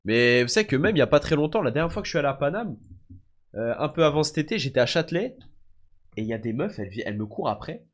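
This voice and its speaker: His voice is on the high side, very animated and fast. A young livestreamer from France who's often sick, he tells stories in a slangy, laid-back chat, calling viewers "les gars" and "frère".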